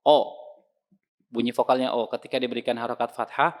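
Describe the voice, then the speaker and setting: Guy teaching quran letter sounds, patient, mid pitch, says the sounds loud over and over. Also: normal speed. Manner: patient, demonstrates sounds by repeating them loudly. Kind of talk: online tajwid lesson.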